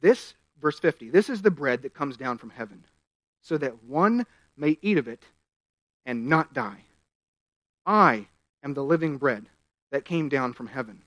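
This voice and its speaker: A man preaching a sermon, reading scripture aloud and explaining it, his voice rising loud at key points. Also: mid-range voice, expressive, unhurried, pauses often, no room sound.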